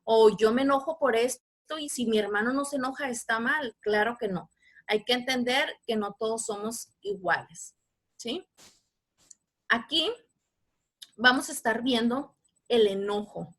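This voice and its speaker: A woman's voice: on the high side, unhurried, long pauses. A woman with a Mexican Spanish accent leading a live online workshop over a video call, talking patiently and putting questions to her audience. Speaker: workshop facilitator.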